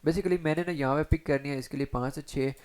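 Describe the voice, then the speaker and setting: A man teaching SEO in a chatty screen-share tutorial, talking straight to viewers and filling pauses with short check-ins. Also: fairly high pitch, steady tone, darkish tone, clean tone. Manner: chatty, addresses viewers directly with frequent fillers. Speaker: SEO instructor.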